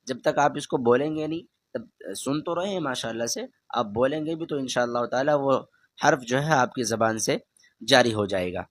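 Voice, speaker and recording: A man teaches a beginner's Quran reading lesson in a medium-pitched voice. He explains each letter patiently, stretches and projects the letter sounds, and keeps asking the listener to say them back. The sound is dry and close, with no room echo. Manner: patient, repeats each letter loudly and drawn out; talks straight to the learner, asks them to repeat.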